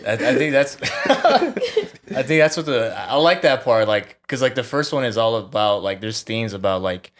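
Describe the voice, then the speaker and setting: A man co-hosting a podcast in relaxed casual chat, swearing freely and restarting his sentences. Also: mid-range voice, normal speed.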